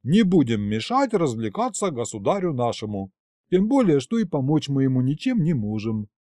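A man's voice: mid-range voice, very animated, normal speed, mellow, no echo, studio quality, natural voice. A man doing a wry cheeky young hero. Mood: wry teasing. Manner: wry, teasing.

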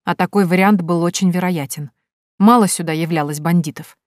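Lady reading an audiobook, lowish voice, dry close sound, wry tone. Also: brisk, no echo. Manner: lively, wry storytelling. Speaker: audiobook narrator. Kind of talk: first-person audiobook narration.

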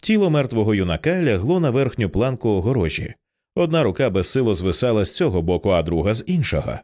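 A man narrating an audiobook in an expressive, tense storytelling style. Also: lowish voice, fast talker.

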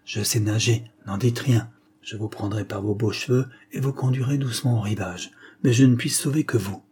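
A scheming young cavalier, as a man reads him in a storybook, coaxes a noblewoman in hushed tones. The voice is mellow and breathy. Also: lowish voice, normal speed. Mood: coaxing. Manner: hushed, coaxing.

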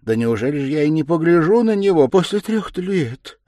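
A man's voice: medium pitch, very animated, a little slow, breathy edge, no room sound, studio quality, pitched above the performer's own voice. A man voicing a fretful elderly mother who pleads timidly and frightened. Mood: anxious pleading.

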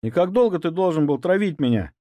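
A man's voice: a little high, expressive, fast, mellow, no echo, voice pushed up, close to an everyday voice. A man voicing a hot-tempered young nobleman who speaks sternly and threateningly. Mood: stern angry.

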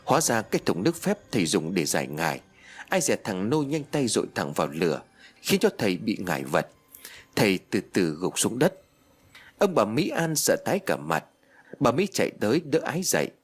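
A man narrating a ghost story audiobook in a dramatic, expressive storytelling manner. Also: on the low side, moderate pace, breathy edge.

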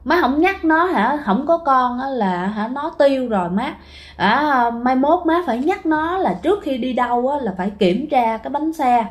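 A woman's voice: high voice, lively intonation, moderate pace. A woman voicing the ghost of a dead father, pleading and urgently warning his mother, in a spoken ghost story.

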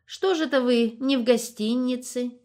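A woman's voice: on the high side, moderate pace, darkish tone, pitched above the performer's own voice, close to an everyday voice. A woman voicing a nosy, cheeky young village nurse who talks chattily and coquettishly. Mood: chatty, prying.

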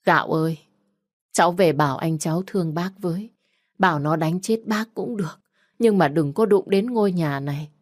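A woman voicing a poor older village man who shouts curses at a neighbor, then wails and pleads in despair. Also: on the low side, normal speed, no echo, clean studio sound, natural voice.

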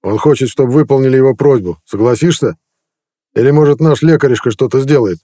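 A man's voice: medium pitch, brisk, dark tone, dry recording, studio quality, voice pushed up, close to an everyday voice. A man voicing a sullen, blunt male clansman.

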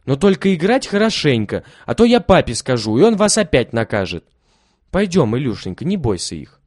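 A man's voice: a little high, wildly swooping pitch, brisk, a little mellow, slightly rough, dry recording, studio quality, pitched above the performer's own voice, exaggerated voice. A man voicing a bold, kind little rich girl in a storybook reading, in a raised, insistent voice. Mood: bright.

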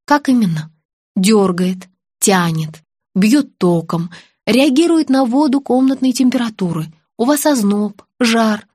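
Sugary, insistent lady dentist read by a woman, high voice, dry close sound. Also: expressive, a little slow, darkish tone, slightly rough, dry recording. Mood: anxious. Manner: cooing, insistent.

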